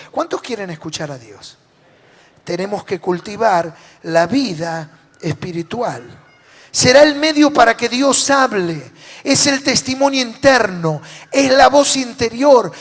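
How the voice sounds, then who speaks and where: A man with a Rioplatense Spanish accent and a very high speaking voice delivers a sermon, questioning his congregation. He swings from loud declarations down to soft, low phrase endings. His voice carries a long reverb from a large church hall. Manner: preaching with rhetorical questions to the congregation. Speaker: pastor.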